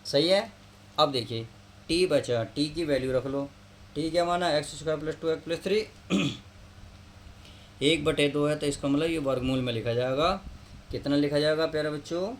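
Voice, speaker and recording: A man's voice: fairly high pitch, moderate pace, long pauses. A male math teacher who explains each step and keeps asking his students questions. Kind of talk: classroom lesson. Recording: faint background noise.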